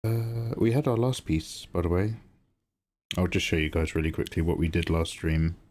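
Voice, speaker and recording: A man's voice: low-pitched, normal speed, a little mellow. A man chatting casually on a livestream as its host, rambling and thinking aloud. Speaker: streamer and digital artist.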